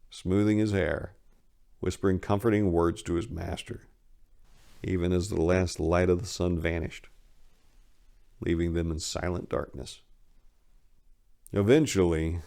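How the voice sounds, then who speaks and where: A low-voiced man gives a dramatic reading of a dark horror story. His phrasing is theatrical, intense and deliberate.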